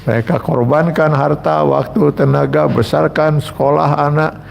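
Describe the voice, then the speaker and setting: A man speaks as a cleric at a religious lecture, his voice gravelly and pitched a little high. He tells personal stories in an earnest way and keeps turning to his listeners. A faint hiss sits under the recording. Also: steady tone, moderate pace. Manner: earnest storytelling that addresses the audience directly. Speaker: Islamic cleric.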